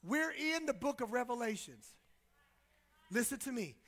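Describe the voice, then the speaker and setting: Male pastor, high forceful voice, impassioned preaching with call-and-response and lots of repeats, long echo of a church hall. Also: sing-song, moderate pace. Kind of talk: sermon.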